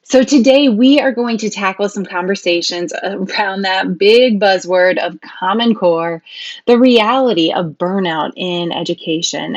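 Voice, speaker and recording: In a casual podcast interview, a female host with a mid-range voice introduces her topic and guest, sounding earnest and upbeat and laughing often. The audio is lo-fi with no echo.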